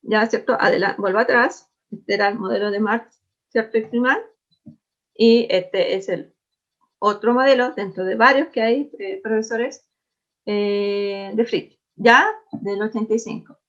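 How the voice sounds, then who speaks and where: A woman's voice: medium pitch, steady tone, unhurried, fairly bright tone, lo-fi sound. A woman with a Chilean accent teaching a class, explaining in a conversational way and often checking that students follow. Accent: Chilean Spanish. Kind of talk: classroom lecture.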